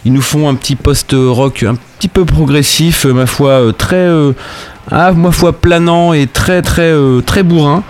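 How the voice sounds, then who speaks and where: Joking, relaxed male radio co-host. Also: on the high side, measured pace. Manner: relaxed, joking, hesitant with fillers. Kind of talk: casual radio chat.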